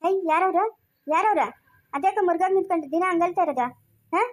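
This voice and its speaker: A woman's voice: extremely high pitch, fast talker. A woman playing a stern older mother-in-law in a homemade comedy skit, scolding with repeated questions.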